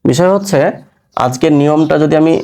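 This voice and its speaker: Male recitation teacher, mellow higher voice, patient and repetitive, slow chanted examples. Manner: patient, repeats syllables and asks rhetorical questions; drawn-out chanted recitation of words. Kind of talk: step-by-step classroom lesson.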